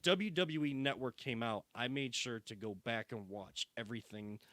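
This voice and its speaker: He is a man in his thirties with a bright voice, and he speaks earnestly in long explanations. His voice is dry and close to the mic. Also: mid-range voice, normal speed, dry recording. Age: 30s. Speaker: guest podcaster. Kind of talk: casual podcast chat.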